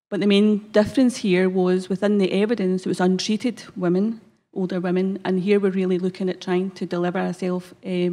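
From a conference hall stage, a health service manager from the Glasgow area of Scotland delivers a prepared presentation into a lectern gooseneck microphone. Her mid-range voice is mellow and her accent broadly Scottish, and she sounds somewhat hesitant, with frequent ums.

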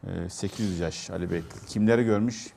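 A man discussing local news in a TV studio, pausing often to search for words. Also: low-pitched, creaky, warm tone. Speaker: local TV commentator. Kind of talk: casual studio chat.

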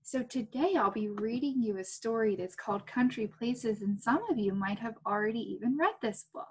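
A woman teaching a first grade class, reading a picture book aloud in a playful, gentle way and making animal sounds. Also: fairly high pitch, normal speed, breathy edge. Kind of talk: read-aloud lesson for young children. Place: home.

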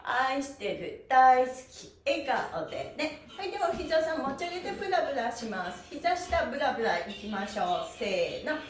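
A cheerful, energetic middle-aged woman with a high, very animated voice leads a follow-along stretching routine, turning her counts into sing-song chants. She speaks at normal speed with few pauses, recorded by a camera a few steps away in an echoey room with music behind and a little hiss or hum.

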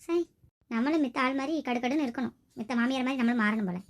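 A woman's voice: fairly high pitch, quick pace, natural voice. A woman voicing a nagging, self-pitying middle-aged mother-in-law who grumbles to herself. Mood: grumbling.

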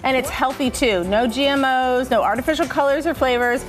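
A woman's voice: high-pitched, fairly quick, soft background music. An American woman presenting an upbeat product segment on morning television. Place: TV studio.

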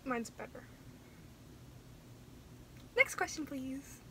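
A woman's voice: high-pitched, expressive, drawn-out words, very noisy. A young woman co-hosting a casual vlog, telling stories in a chatty way. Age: young adult. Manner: chatty storyteller, breaks into laughter. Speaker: co-host. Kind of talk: casual chat.

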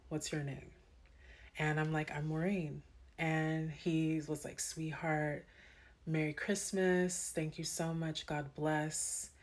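Slow, low-voiced woman telling a story. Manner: animated, spiritual, many fillers. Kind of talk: casual personal storytelling.

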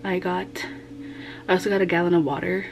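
A young woman talking softly to a camera on her kitchen counter. Her voice drops close to a whisper as she shows each item. The talk is quick and casual. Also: fairly low pitch, little pitch movement, gravelly, noisy background. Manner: quiet, half-whispered show-and-tell. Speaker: vlogger. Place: home kitchen, indoors.

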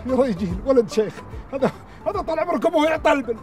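A man playing an effusive Bedouin tribesman in sketch comedy, loud with flattery, speaking with a Gulf Bedouin Arabic accent. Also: very high-pitched, very fast, soft background music, full character voice. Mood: flattering.

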